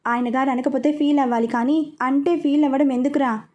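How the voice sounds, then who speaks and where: A woman's voice: high-pitched, steady tone, brisk, a little mellow, lightly acted. A woman voicing a sulky, playful young woman in a storybook reading, pouting and teasing.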